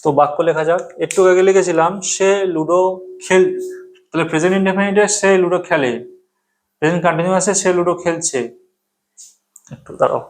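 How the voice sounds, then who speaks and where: A man teaching an English grammar lesson, speaking slowly and repeating example sentences word by word as if dictating. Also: high-pitched, fairly even intonation.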